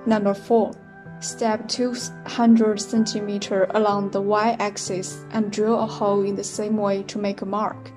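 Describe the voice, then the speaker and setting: With music playing behind her, a young Chinese-accented woman gives an instructional voice-over, reading a machine's numbered setup steps as a product demonstrator. Her mid-range voice stays level and unhurried as she counts through them plainly and methodically.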